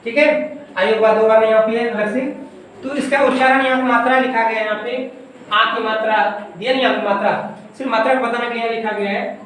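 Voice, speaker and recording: A woman's voice: a little high, steady tone, fairly quick, a bit bright, a little hiss or hum. A woman teaching a grammar lesson in a coaching class. She asks the class questions and then answers them herself. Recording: echoey room, from far off.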